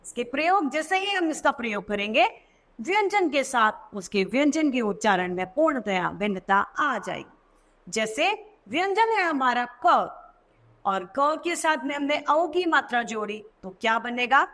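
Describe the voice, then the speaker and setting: A woman teacher narrating a children's language lesson, slow and emphatic, stressing key words in a sing-song way. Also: sits high, lively intonation, a bit bright. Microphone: voice-over.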